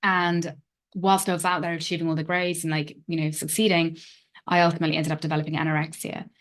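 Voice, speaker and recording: Lady in her 30s, low voice, reflective, lots of "kind of" and "like". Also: flat delivery, fast talker. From England. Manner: reflective, hedging with many fillers. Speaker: relationship coach. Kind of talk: personal story monologue.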